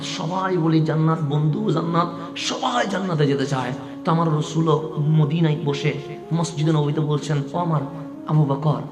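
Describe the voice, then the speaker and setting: A man preaching a passionate sermon, swinging from quiet asides to high, shouted climaxes. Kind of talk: waz sermon. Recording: echoey hall with faint music.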